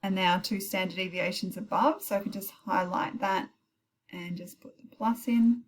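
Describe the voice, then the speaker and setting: A woman teacher talks through an informal recorded maths tutorial, explaining calculator steps at normal speed. Her mid-range voice has fairly even intonation, and she thinks aloud with self-corrections and brief apologies. The session is recorded while rain pours heavily outside.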